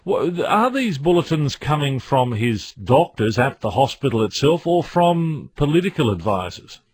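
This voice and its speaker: A male news presenter reads the bulletin in a measured, formal way and then puts questions to a correspondent. His voice sits at an ordinary middle pitch for a man. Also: very animated, husky. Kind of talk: radio news interview.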